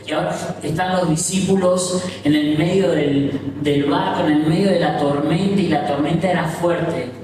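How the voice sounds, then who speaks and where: Preacher man in a booming echoey hall. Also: fairly even intonation, a little mellow, recorded from a distance, a little hiss or hum. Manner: storytelling, dramatic pauses, audience questions. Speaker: pastor. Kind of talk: sermon.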